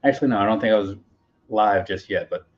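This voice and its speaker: A man's voice: fairly low pitch, fast. A man chatting casually on a live stream as he unpacks his purchases, rambling and talking to himself. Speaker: collector vlogger. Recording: slightly dull lo-fi audio with faint noise. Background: faint pop punk playlist.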